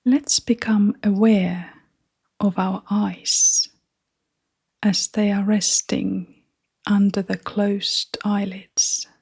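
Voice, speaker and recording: In a guided meditation, a woman uses a soft, breathy half-whisper in a mid-range voice. Her delivery is flat, and her phrasing stays gentle and unhurried.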